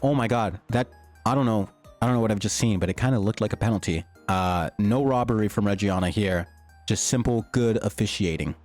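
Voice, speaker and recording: A man's voice: fairly low pitch, a little fast, faint music behind. Hyped young man commentating gameplay. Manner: hyped, slangy, swings between joking and shouting. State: voice starting to go. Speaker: gaming YouTuber. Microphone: desktop mic, peaking.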